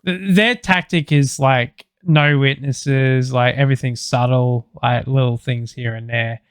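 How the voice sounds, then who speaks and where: A man's voice: medium pitch, fairly even intonation, measured pace, smooth, no room sound. An Australian man co-hosting a podcast, telling rambling stories with plenty of swearing and laughter. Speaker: podcast co-host. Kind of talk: casual chat, storytelling.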